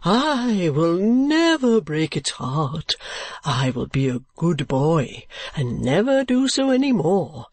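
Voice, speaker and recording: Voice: medium pitch, sing-song, slow pace, darkish tone, husky, dry recording, heavily acted. A narrator voicing a foppish, cowardly, melodramatic husband who cajoles with affected baby-talk endearments in an audiobook. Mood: pleading, simpering. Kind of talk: audiobook character acting.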